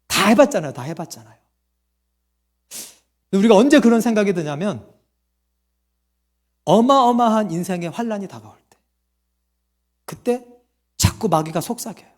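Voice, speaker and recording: A man's voice: high-pitched, expressive, unhurried, pauses often, darkish tone. A man preaching a sermon as pastor, asking the congregation questions and answering them himself, and acting out quoted voices.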